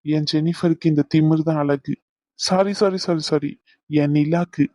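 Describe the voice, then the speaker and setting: A woman's voice: low-pitched, fairly even intonation, measured pace, warm tone, dry recording, clean studio sound. Woman voicing a teasing, affectionate young man. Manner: teasing, coaxing. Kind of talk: audio drama romance.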